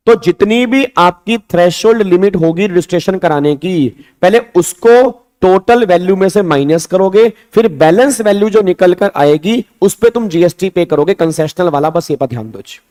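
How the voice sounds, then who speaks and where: Male tax tutor, high mellow voice, pushy drilling delivery. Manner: drills students with repeated questions, scolding and urging; acts out examiner and students in quoted lines. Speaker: tax teacher. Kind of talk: online exam-prep lecture.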